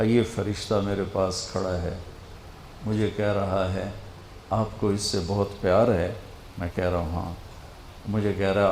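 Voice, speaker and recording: An older man preaching an emotional sermon, telling a story with dramatic swings and dropping to a hush for quoted lines. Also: on the low side, echoey room, a little hiss or hum. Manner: dramatic, quotes figures in a hushed voice.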